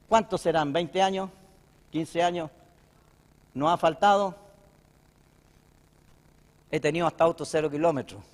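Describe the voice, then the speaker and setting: A middle-aged Chilean man preaching a sermon to fellow pastors, folksy and impassioned, building to loud declarations and often calling his listeners brother. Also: high-pitched, in a large hall. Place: church hall at a pastors' breakfast.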